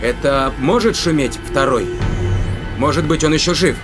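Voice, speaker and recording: A man with a slightly high voice plays an inquisitive spaceship captain in a science fiction audio drama, commanding others and thinking aloud. He speaks at normal speed over music in a near-everyday voice, sounding pensive and suspicious.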